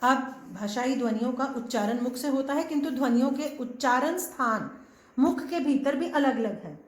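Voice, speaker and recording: In a reverberant space, a woman with a high, animated voice teaches Hindi grammar at a moderate pace in classroom style. She sounds out each letter patiently and slips English words into her explanations.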